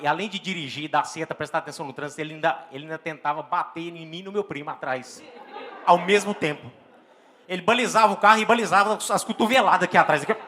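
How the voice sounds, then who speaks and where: A Brazilian man with a Brazilian Portuguese accent doing stand-up comedy and telling an animated story on a live stage, with exaggerated exclamations and acted-out scenes. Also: high-pitched, slight background noise. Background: faint audience laughter.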